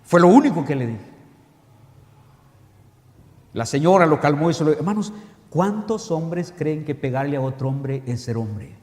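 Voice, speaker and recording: A man delivers an animated sermon, throwing rhetorical questions at his congregation. His voice sits high for a man. The sound rings with the long reverb of a church hall. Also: a little slow, long pauses. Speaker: pastor.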